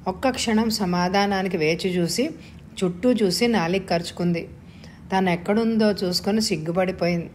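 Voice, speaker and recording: A woman reading a story aloud as narrator in a steady, measured way. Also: mid-range voice, a little hiss or hum. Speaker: story reader.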